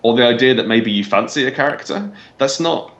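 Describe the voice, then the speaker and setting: A man chatting casually as a game master, rambling with many restarts and quick laughs. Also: medium pitch, lively intonation, a bit bright, highs cut off. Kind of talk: casual podcast chat. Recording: roomy echo.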